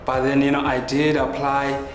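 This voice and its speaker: A man's voice: medium pitch, monotone, moderate pace, slight background noise. A man, a young filmmaker reflecting in a documentary interview. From South Africa. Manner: reflective, loose with fillers. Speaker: youth filmmaker in the program. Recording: echoey room with music behind.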